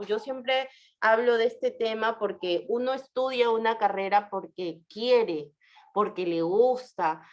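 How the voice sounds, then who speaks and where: A woman lawyer giving a casual talk full of anecdotes. She often ends her sentences with a tag question and shifts her voice when she quotes people. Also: highs cut off. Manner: storytelling with frequent tag questions; animated, shifts pitch for quoted speech.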